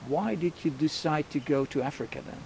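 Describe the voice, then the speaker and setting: A man interviewing a guest, asking short, measured questions. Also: fairly high pitch, vocal fry, darkish tone, a little hiss or hum.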